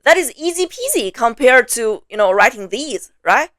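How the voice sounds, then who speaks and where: A woman's voice: fairly high pitch, sing-song, moderate pace, a bit bright. A woman with a Mandarin Chinese accent gives a patient, methodical lesson on her native language. She lists examples one after another and sounds out each tone. The sound is close and dry, with no room echo. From mainland China. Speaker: Mandarin teacher. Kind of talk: explanatory lesson to camera.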